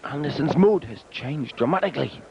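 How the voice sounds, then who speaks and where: A man's voice: a little high, animated, brisk, creaky, warm tone. A man giving live darts commentary in a colourful, wry way. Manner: colourful, wry turns of phrase. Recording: dull, noisy archive TV broadcast.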